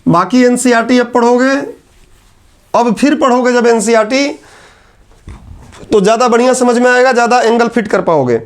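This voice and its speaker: A male teacher giving a classroom lecture at a whiteboard. He chats with his students, teases them in asides, and repeats key terms slowly. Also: extremely high pitch. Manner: chatty, teasing asides to students.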